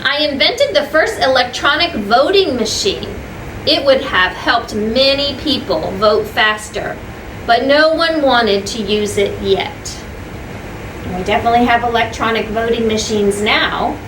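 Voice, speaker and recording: Reading to a group of children, a female teacher uses a fairly high voice with lively intonation and an unhurried pace. She breaks off to explain simply, repeats herself and asks the kids questions. Echo, a distant mic and clear background noise mark the recording.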